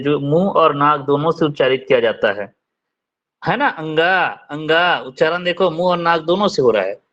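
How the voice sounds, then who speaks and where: A man teaching Hindi grammar in an online class, slowly drilling letter sounds and quizzing his students. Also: a little high, muffled recording.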